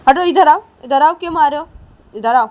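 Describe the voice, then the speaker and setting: A woman voicing a flustered young man who pleads loudly and insistently with his relatives. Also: sits high, moderate pace, voice pushed up, close to an everyday voice. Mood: pleading.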